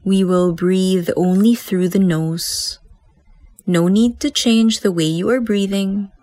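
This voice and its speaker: A woman with a Filipino accent leading a guided meditation as a teacher, speaking in a calm, gentle way with unhurried pauses. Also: mid-range voice, dry recording.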